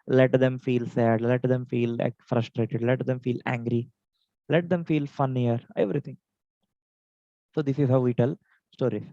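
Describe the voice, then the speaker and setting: Speaking at a normal speed in a mellow, medium-pitched voice with fairly even intonation, a speech contest trainer with an Indian English accent gives an online educational talk on public speaking from home over a video call. He's unwell and his throat is dry, but he lists points instructively, changing pace for examples. The audio is dull, with no room sound.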